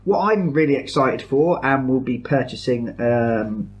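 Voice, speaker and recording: A man's voice: medium pitch, a little slow. A young man hosting a casual podcast chat, chatty and giggly, with lots of ums. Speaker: podcast host.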